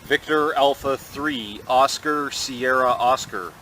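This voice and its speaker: A man's voice: mid-range voice, takes it slowly. A man, an amateur radio operator, talking casually on the air with some hesitant fillers, heard through a static-filled ham radio receiver. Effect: heard over a static-filled ham radio receiver. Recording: noisy static over radio reception.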